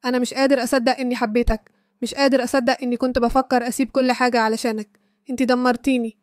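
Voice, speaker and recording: A jealous, furious young lover in Egyptian Arabic, voiced by a woman storyteller in her own voice. The lines come fast and flat, pitched somewhat high. The sound is close and dry. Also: no echo, lightly acted. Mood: angry.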